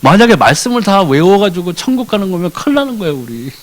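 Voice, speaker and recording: A man gives a church sermon in a high voice that swoops widely from phrase to phrase. He keeps the hall involved with rhetorical questions and slips briefly into acted dialogue. The delivery is animated and expressive. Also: fast. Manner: acts out short dialogues with changed voices. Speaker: church deacon preaching.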